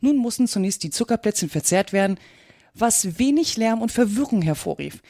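A woman's voice: medium pitch, animated, normal speed, warm tone, no echo, studio quality. Woman reading a storybook aloud. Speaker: audiobook narrator. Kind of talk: storybook narration.

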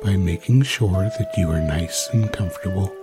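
A man narrating a guided sleep meditation like a sleep story, soothing and unhurried, with long pauses between phrases. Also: sits low, loud music behind the voice.

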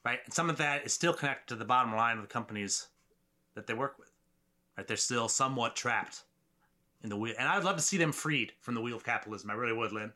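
A man's voice: mid-range voice, quick pace, bright, forceful tone. A man hosting a podcast interview in a casual, joking way, often laughing at his own remarks. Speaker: podcast host.

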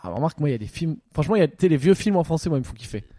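A man jokes and teases his friends as a podcast co-host, rattling off his stories at a quick clip. His voice sits a little high, and the recording is dry and close. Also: lively intonation, warm tone, dry recording. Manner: joking, teasing, storytelling. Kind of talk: casual banter with friends.

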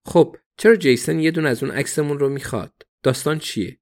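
A man's voice: fairly high pitch, pitched above the performer's own voice, natural voice. A man voicing a dry police detective who asks pointed questions in a read storybook. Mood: probing.

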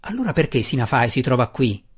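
A man reading the part of a proud, scheming dark elf matron in an audiobook, speaking sharply and insistently. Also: medium pitch, big pitch swings, brisk, slightly rough. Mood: stern.

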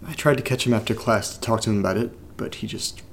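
This is a found-recording style horror audio drama monologue: a reluctant, uneasy man mutters haltingly to himself while poking around a creepy place, at times reading a strange letter aloud. His voice is on the low side and close to how he'd normally talk. There's slight background noise, and the tone stays subdued.

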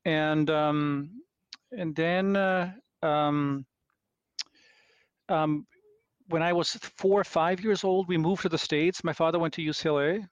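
A middle-aged man from Austria, a scientist guest giving reflective answers, halting and restarting as he thinks. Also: a little high, fairly even intonation, clear, resonant tone, no room sound. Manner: thoughtful, halting with many restarts.

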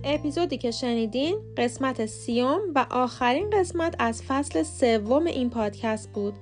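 A woman who speaks Persian as her first language hosts a podcast lesson, explaining calmly and clearly and saying model words slowly. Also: sits high, soft background music. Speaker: podcast host teaching English pronunciation.

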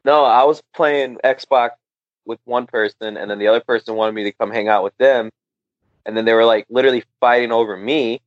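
A man's voice: mid-range voice, brisk, no room sound, highs cut off. A man casually telling a wild story on a podcast, swearing constantly and laughing often. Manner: profane, laughing, animated storyteller.

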